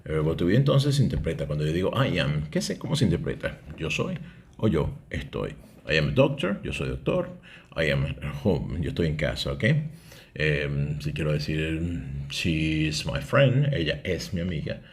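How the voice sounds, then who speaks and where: A man's voice: a bass voice, sing-song, normal speed, creaky. A man, teaching an English grammar lesson and explaining step by step, often checking in with "¿ok?".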